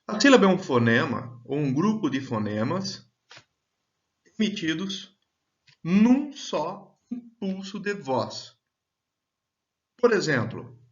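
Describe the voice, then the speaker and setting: Slow, deliberate male teacher, lo-fi. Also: a little high. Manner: slow and deliberate, stretching out example words. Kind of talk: slow, clear grammar lesson. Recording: dull, lo-fi sound.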